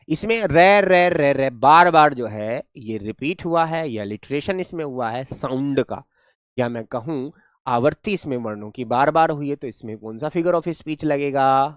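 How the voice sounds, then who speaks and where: A man's voice: medium pitch, measured pace, no room sound, clean studio sound. A man teaching a grammar lesson, encouraging the class, repeating sounds again and again and praising answers. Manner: lively, encouraging, drills sounds by repeating them.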